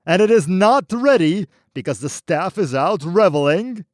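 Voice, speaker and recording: Haughty lord, man voicing: indignant, demanding, lively pitch. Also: unhurried, no room sound, studio quality. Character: stern male lord, haughty and impatient.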